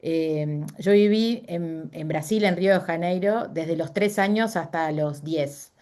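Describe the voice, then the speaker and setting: Speaking unhurriedly in a lowish, darkish voice, a middle-aged Uruguayan woman with a Spanish accent tells personal stories as an interview guest. The conversation is casual, and she frequently uses fillers and corrects herself.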